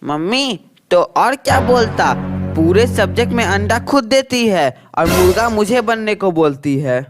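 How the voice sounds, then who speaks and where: A woman's voice: medium pitch, expressive, a little slow, close to an everyday voice. Woman doing a bratty cartoon schoolboy. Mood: whiny. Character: cheeky young schoolboy, bratty. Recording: cartoon dub with music behind.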